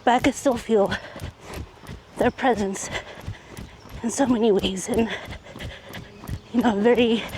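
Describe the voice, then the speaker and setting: A person talking in halting phrases while running outdoors, recording a casual, reflective vlog monologue. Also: medium pitch, steady tone, darkish tone. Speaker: vlogger. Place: outdoors, on a run. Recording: clear outdoor noise, passing vehicles.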